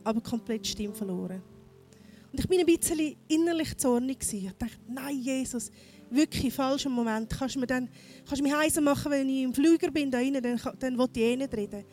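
Woman, from Cambodia, high voice, heartfelt church testimony, faint music behind. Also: a little fast, darkish tone. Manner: earnest storytelling, non-native phrasing. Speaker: missionary speaker. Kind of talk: personal testimony sermon.

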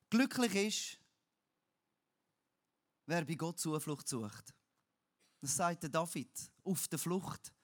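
Male preacher, high voice, slow delivery, dramatic swings from loud to hushed. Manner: dramatic, swings between loud emphatic cries and low, quiet passages; uses crude everyday words. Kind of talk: sermon.

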